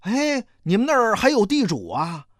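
A reader voicing a nosy, suspicious village questioner who probes with sharp questions. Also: medium pitch, huge pitch swings, moderate pace, no echo, clean studio sound, voice pushed up. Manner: prying, sharp, probing.

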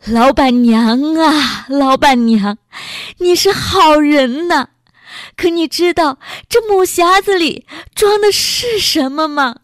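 A woman voicing a rich, rough-living man who cries out in a wailing, drawn-out way. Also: high-pitched, lively intonation, dry recording, clean studio sound, pitched above the performer's own voice.

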